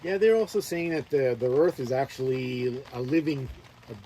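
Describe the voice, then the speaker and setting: Man hosting a casual chat, laid-back storyteller, warm and mellow voice, faint noise. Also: mid-range voice, animated, moderate pace, low-quality recording. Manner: laid-back, meandering storytelling, laughs often. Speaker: host.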